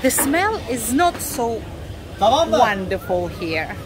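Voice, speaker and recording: Russian woman vlogging at a fish market, slow halting english, lots of uh's, crowd noise around. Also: on the high side. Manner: excited, chatty with sellers, halting English with fillers. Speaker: travel vlogger. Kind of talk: casual walking vlog. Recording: busy crowded market in the background.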